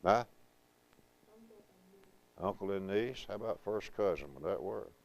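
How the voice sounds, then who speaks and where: A man teaching a Bible class at a preaching school, reading scripture slowly and then explaining it conversationally, asking his students questions. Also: low voice, expressive, gravelly, low-quality recording. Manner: conversational, asks the class questions and answers them; reads verses slowly and deliberately.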